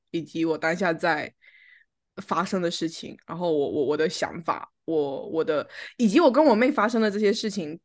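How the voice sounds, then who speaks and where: A woman chatting casually at home as a podcast co-host, telling a personal story and acting out the lines of an argument. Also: lowish voice. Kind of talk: casual chat.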